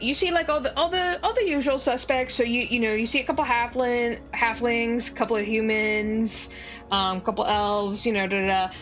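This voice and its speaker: A woman narrating a tabletop game as game master in a casual, halting, conversational improvised style. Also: on the high side, fairly bright tone.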